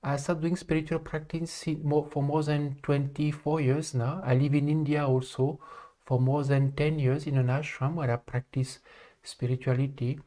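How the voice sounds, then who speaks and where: A man from France, hosting a live spiritual talk in a calm, halting way with frequent pauses. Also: a little high. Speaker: live stream host and spiritual speaker. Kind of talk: live stream talk to viewers.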